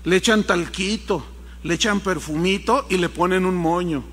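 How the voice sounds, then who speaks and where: A man preaching a sermon, telling a story with animated acted-out voices. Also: high voice, moderate pace, in a large hall. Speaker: pastor.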